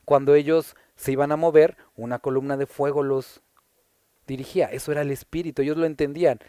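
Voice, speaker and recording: A Mexican pastor with a Puebla accent talks through a Bible passage verse by verse, pausing to ask his listeners rhetorical questions. His voice sits a little high but sounds mellow. The recording is dry and close. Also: fairly even intonation, clear, resonant tone, dry recording. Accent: Puebla Mexican Spanish. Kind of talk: conversational Bible teaching.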